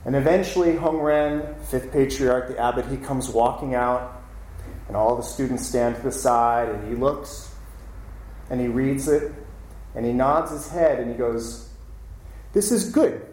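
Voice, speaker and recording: A man telling a story in a casual, animated, playful way, acting out the characters as he goes. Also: medium pitch, measured pace, echoey room, poor audio. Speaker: storyteller, teacher.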